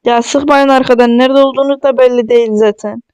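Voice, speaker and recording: A man giving casual, excitable gameplay commentary, joking and talking straight to his viewers. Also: very high-pitched, fast, clear, resonant tone, no echo. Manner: chatty and excitable, jokes and talks straight to viewers. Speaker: mobile gaming streamer.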